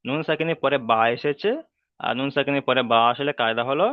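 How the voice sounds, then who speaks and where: This man teaches tajweed online, going over Quran reading rules with patience and repetition and frequently asking questions to check on his students. When he models the Arabic sounds he draws them out slowly; his mid-pitched voice comes through dry and thin, phone-like.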